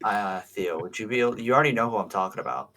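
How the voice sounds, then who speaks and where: A man's voice: lowish voice, fast, pushed and bright. A man chatting and joking animatedly as a podcast host, laughing often. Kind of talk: casual chat.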